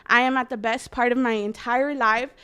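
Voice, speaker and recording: A woman's voice: fairly high pitch, fairly even intonation, normal speed, pushed and bright, clean tone. A woman in her twenties talking earnestly and reflectively in an interview, often saying "like.". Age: 20s. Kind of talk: candid personal interview.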